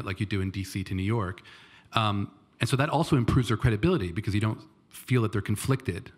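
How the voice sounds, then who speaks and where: Low-voiced man asking from the floor. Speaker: audience questioner. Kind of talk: question from the floor.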